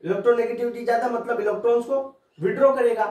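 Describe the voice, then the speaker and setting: A man's voice: very high voice, steady tone, rapid-fire, darkish tone. A man, chatty and informal, hammering the same points again and again. His voice is picked up from some distance in a roomy, echoing space. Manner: informal, addresses student as "bhai" and "tu", repeats points to drill them. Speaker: chemistry teacher. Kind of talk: exam-prep lecture. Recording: roomy classroom audio, mic at a distance.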